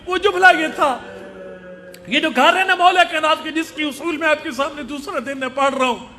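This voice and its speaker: A man's voice: very high voice, bright, forceful tone. A man with a Punjabi-tinged Urdu accent delivering a mourning sermon at a mosque gathering, chanting and wailing as he speaks. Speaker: Shia orator. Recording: crowd and noise from a live gathering.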